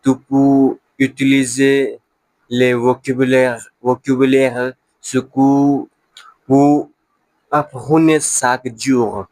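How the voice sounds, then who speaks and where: Man speaking slow, broken learner's French. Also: medium pitch, flat delivery, a little mellow, dry recording, poor audio. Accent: non-native French. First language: not French, a beginner learner of French. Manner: broken French with halting word searches and repeated words. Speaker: language learner. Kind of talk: casual monologue practising French.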